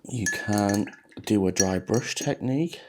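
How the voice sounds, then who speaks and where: A man giving a relaxed, chatty watercolour painting demonstration, talking loosely with plenty of ums as he paints. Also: fairly low pitch, measured pace, noisy background. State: a bit shaky from coffee. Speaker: watercolour teacher.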